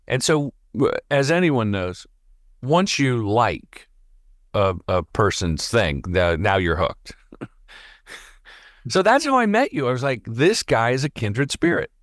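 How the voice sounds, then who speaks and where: Fast-rambling male podcast host. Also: mid-range voice, very animated, no room sound, studio quality. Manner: rambling, talks a mile a minute. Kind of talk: casual interview chat.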